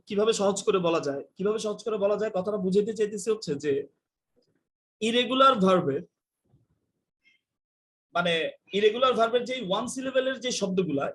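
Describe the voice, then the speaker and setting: A man's voice: sits high, lively intonation, brisk, fairly bright tone. A young man teaching English in a live online class, joking and scolding and mixing in English phrases.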